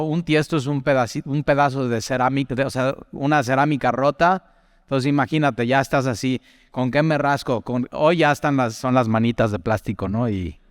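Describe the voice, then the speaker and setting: A young man delivers a casual, conversational sermon with a smooth, resonant voice. He tells personal stories and keeps asking the listener questions. The mic is close and dry, with a long reverb tail behind it. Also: medium pitch. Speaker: preacher.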